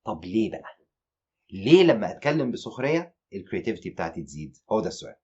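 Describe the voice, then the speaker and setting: Animated Egyptian man teaching. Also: fairly low pitch, very fast, husky, dull audio. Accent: Egyptian Arabic. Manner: animated, mixes English terms into explanations. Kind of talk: online exam-prep lecture.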